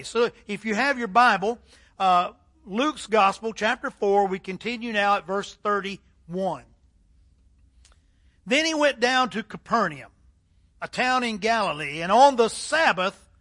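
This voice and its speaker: Middle-aged male preacher, high ringing tone, emphatic sermon delivery with dramatic pauses. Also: sharp tone. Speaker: pastor.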